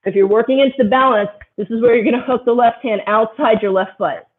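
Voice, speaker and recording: A woman's voice: on the high side, quick pace. Woman, yoga instructor, short encouraging body cues, guided class instruction, thin phone-like audio. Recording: tinny phone-like sound.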